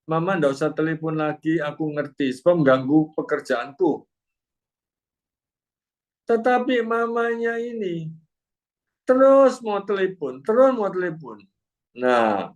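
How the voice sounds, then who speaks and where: An older man, preaching a sermon as a pastor and telling stories to the congregation. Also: on the high side. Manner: storytelling, addresses congregation as "Saudara", emphatic repetitions.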